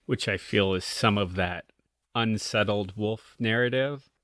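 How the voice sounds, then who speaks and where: A man's voice: on the low side, a little slow, a bit bright, no echo, clean studio sound. A man co-hosting a podcast, talking over a short story in an easygoing, reflective way. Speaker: podcast co-host. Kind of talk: casual book discussion.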